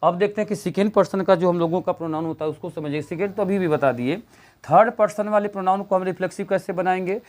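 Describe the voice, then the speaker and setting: Man, grammar teacher, raised pitch, asks and answers his own questions, repeats key words. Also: fast talker, darkish tone. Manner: quizzing questions to students and answering them himself; frequent fillers and restarts, repeats key words. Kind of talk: classroom grammar lesson.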